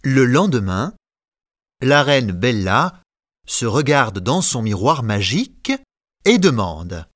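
Very slow, expressive male storyteller. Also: mid-range voice, no room sound, clean studio sound. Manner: carefully articulated, expressive reading.

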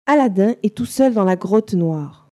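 Woman narrator, slow careful storybook reading, mellow tone. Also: medium pitch, lively intonation. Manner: slow, simple, carefully articulated.

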